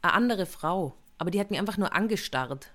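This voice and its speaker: A woman's voice: lowish voice, a little fast. A woman, co-hosting a casual chat podcast and telling stories animatedly, acting out what people said. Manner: animated storyteller, acts out quotes. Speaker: podcast co-host.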